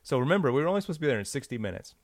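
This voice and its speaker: A man's voice: medium pitch, very animated, racing, no echo, clean studio sound. A man casually telling a long story in a chat, rambling with lots of fillers.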